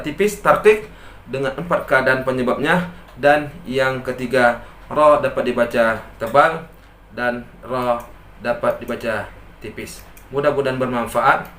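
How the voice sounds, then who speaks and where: A man with an Indonesian accent teaching Quran recitation rules, patiently repeating each example slowly and contrasting wrong and right readings. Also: mid-range voice, a bit bright. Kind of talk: tajweed lesson with recited examples. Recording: echoey room with faint noise.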